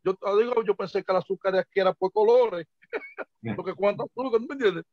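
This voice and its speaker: High-voiced Dominican man telling stories. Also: a little fast, no echo. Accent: Dominican Spanish. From Dominican Republic. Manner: animated anecdotes, acting out quoted voices, chuckling. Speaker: interview guest, merengue and bachata singer. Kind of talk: casual storytelling interview. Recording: dull lo-fi dry sound.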